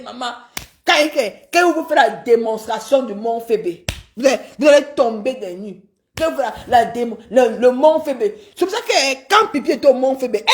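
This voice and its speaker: A high-voiced woman gossips in a mocking rant. She laughs and teases as she talks, drawing out her exclamations. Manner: laughing, teasing, drawn-out exclamations. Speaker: online gossip streamer.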